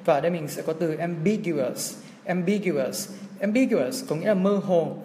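A man's voice: a little high, racing, creaky, mellow. A young man teaching on a livestream, walking through an exam in a chatty way and often checking in with his viewers. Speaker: English teacher. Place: indoor room, filming his screen for a livestream. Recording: echoey room with long reverb.

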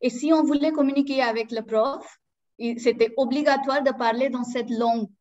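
Her voice is high-pitched and darkish, held at a steady tone and moderate pace. She's a woman in her thirties from India, a native Marathi speaker and Sanskrit teacher with an Indian accent, appearing as a guest in a casual video call interview with many hesitant fillers and restarts. The call comes from a small indoor room, with dull, lo-fi audio.

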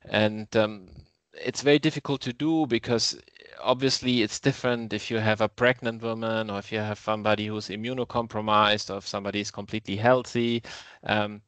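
A man giving a measured expert explanation as a panelist on a video call. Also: lowish voice, a bit bright, no room sound. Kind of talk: explanatory comment in an online meeting.

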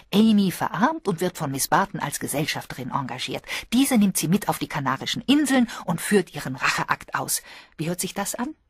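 A woman voicing an eager, opinionated older married lady, talking brisk and animated in an audiobook. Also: medium pitch, slightly rough, dry recording, studio quality, voice pushed up. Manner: brisk, animated, self-correcting.

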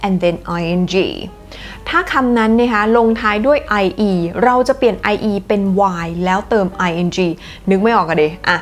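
A woman hosting a casual English lesson, switching between Thai and slow, careful English as she explains spelling rules. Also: medium pitch, faint music behind. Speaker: English teacher.

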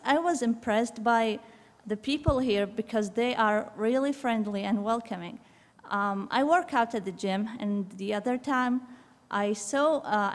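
Young woman from Iraq, measured and halting at a podium mic, long room reverb. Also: fairly high pitch. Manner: measured, with frequent ums and uhs. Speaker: public commenter. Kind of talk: prepared public statement. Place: large city council chamber. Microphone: fixed podium microphone.

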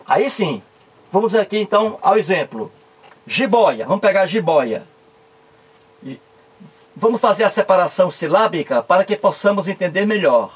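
A man's voice: high-pitched, slightly rough. A man with a Cearense accent from northeastern Brazil, explaining a grammar lesson with lots of emphatic repetition. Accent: Cearense Brazilian Portuguese. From Ceará, Brazil. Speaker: teacher.

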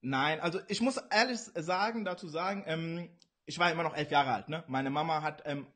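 A man's voice: on the high side, fairly bright tone. Earnest young man from Pakistan. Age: 20s. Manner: earnest, halting, frequent fillers. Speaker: interview guest, kickboxer. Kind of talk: casual interview answers. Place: indoor room, video call.

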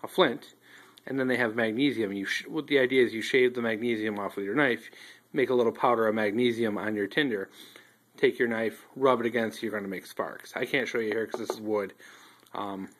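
A man gives a casual show-and-tell review of outdoor fire starters, talking in a relaxed, rambling way with plenty of ums and restarts. His voice is fairly low and brisk. He records indoors on a handheld phone, filming a tabletop up close.

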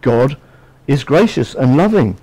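A man's voice: mid-range voice, sing-song, measured pace, warm tone, breathy edge, rough recording. Man preaching in a chatty, storytelling way. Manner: conversational, storytelling delivery with frequent asides. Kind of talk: sermon.

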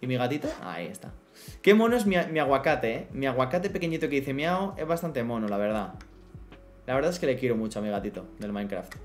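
A man's voice: mid-range voice, lively intonation, quick pace, soft background music. A man from streaming a block-building game, chatting playfully with his viewers and talking to his in-game pets. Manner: chatty, playful, talks to his pet horse and the chat. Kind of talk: casual live gameplay chat.

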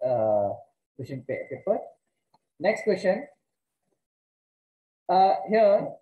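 A woman with a North Indian accent teaching an online class step by step in a halting, repetitive way. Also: lowish voice, mellow. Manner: halting, repeats words and questions students. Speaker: computer science teacher. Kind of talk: online lesson, explaining step by step. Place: indoors, online class with screen share. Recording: echoey room.

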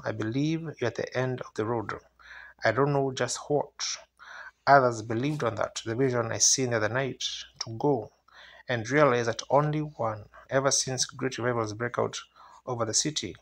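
A male evangelist preaching a revival sermon to a congregation in an earnest, questioning manner, with a raspy, gravelly voice. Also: medium pitch. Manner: earnest, asks listeners rhetorical questions.

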